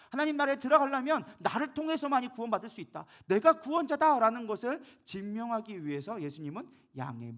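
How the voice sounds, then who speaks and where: A man's voice: high-pitched, fairly bright tone. A male pastor preaching a sermon, telling the story vividly and acting out the quoted lines, with frequent fillers and self-corrections.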